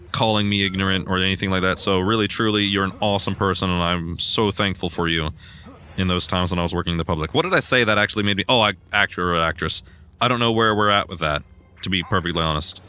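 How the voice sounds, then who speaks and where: A young man casually narrating a video game, rambling through a personal story with sudden loud outbursts. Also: lowish voice, a little hiss or hum. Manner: rambling, chatty storytelling with bursts of loud excitement. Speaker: gaming streamer. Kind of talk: casual let's play commentary.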